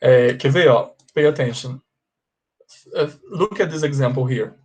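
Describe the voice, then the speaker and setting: A man's voice: mid-range voice, darkish tone, highs cut off. A man who speaks Portuguese as his first language teaches English, moving back and forth between Portuguese and English and acting out short sample dialogues. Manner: slow and deliberate when stressing English words. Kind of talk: bilingual classroom explanation.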